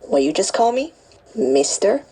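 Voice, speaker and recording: A woman's voice: mid-range voice, very animated, unhurried, mellow, breathy edge, exaggerated voice. A woman voicing a blunt, confrontational male army sergeant major who calls out a student in class. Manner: blunt, confrontational, clipped street-style phrasing.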